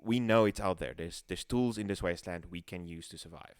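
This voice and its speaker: A man guiding a casual streamed tabletop game, rambling and halting with many restarts. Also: low voice, no room sound, clean studio sound. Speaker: game facilitator.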